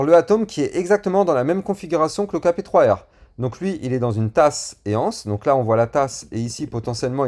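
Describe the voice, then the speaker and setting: A man's voice: mid-range voice, darkish tone. A chatty man talks viewers through crypto charts in an easy, informal way. His speech is full of fillers and street slang, with restarts while he hunts for a word. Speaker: crypto YouTuber. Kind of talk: chart analysis and channel promotion.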